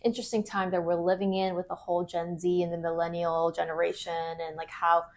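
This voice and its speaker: A woman's voice: fairly low pitch, level tone, brisk. A young woman from Korea co-hosting a podcast, chatting casually with lots of "like" and easy laughs. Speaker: podcast co-host. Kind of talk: casual chat.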